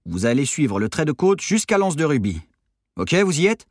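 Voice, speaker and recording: Man doing an insistent police commissioner, commanding, animated, audiobook, dry. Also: fairly high pitch, normal speed, no echo. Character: impatient, stubborn male police commissioner.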